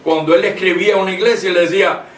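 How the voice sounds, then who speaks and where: High-pitched male preacher, emphatic, reads verses slowly; distant mic in a roomy space. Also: fairly even intonation. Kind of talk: preaching in conversation. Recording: echoey room, mic at a distance, faint noise.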